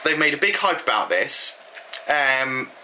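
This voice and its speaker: A man's voice: mid-range voice, lively intonation, measured pace, pushed and bright, slight background noise, rough recording. A British man co-hosting a vlog, chatting casually with frequent ums. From United Kingdom. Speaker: vlog co-host. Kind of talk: casual chat.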